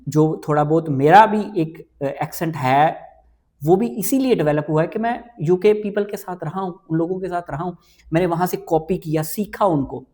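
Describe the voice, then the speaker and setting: An earnest man coaching students on English test speaking, talking straight to camera. He weaves English terms into his everyday speech and slows right down to stress the English lines. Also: on the high side, a little mellow. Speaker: IELTS teacher and channel host. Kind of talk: explanatory talk to camera.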